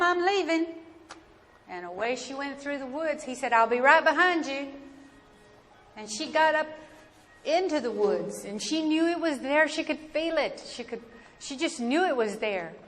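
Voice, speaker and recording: A woman with an Appalachian accent telling a family story aloud in a folksy, dramatic, deliberate way. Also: high-pitched, animated, a bit bright. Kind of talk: oral family storytelling, live performance. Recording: echoey hall with noticeable background noise.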